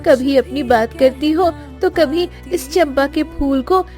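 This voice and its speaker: Woman playing a teasing teen girl, high bright voice, cheeky, music behind. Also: measured pace. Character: playful teenage girl, teasing younger sister. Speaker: voice actor. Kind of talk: dubbed cartoon acting. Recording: with background music.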